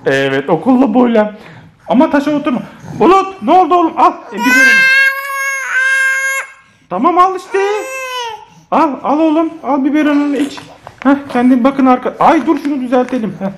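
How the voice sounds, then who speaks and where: Lively man chatting on a family vlog. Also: very high voice, a little fast, long pauses. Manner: lively, playful, often laughing while talking to children and viewers. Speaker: family vlogger. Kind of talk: casual family vlog chat to viewers. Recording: noisy home video recording.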